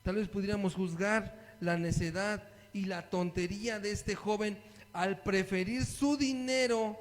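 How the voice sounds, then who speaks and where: A man preaches to his listeners in a high voice. He reads Bible verses aloud and keeps asking them questions. His voice carries a long reverb from a large hall. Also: fairly even intonation, measured pace. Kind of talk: sermon Bible study.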